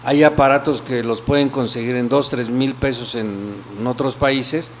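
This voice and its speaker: A man's voice: medium pitch, steady tone, moderate pace, slight background noise. Man explaining ear care. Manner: explanatory, checks in with "¿sí?". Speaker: audiologist guest. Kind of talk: interview answers.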